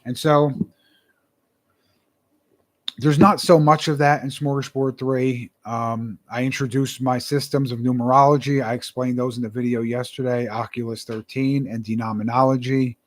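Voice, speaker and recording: A man's voice: mid-range voice, steady tone, normal speed. A young man, a self-published author, talking casually and earnestly to camera, rambling and repeating his words.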